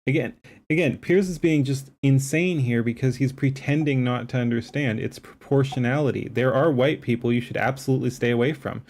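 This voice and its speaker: A streamer reacting to a debate clip comments live in a brisk, mid-range voice with a darkish tone. He's emphatic and rambling, full of fillers and restarts.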